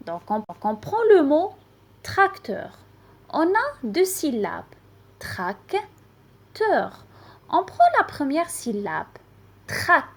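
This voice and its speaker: A woman teacher with a Moroccan accent slowly reading and sounding out syllables for young children. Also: high voice, very animated, creaky. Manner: pronounces syllables slowly and distinctly, spelling out letters. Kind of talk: slow, deliberate reading lesson for children.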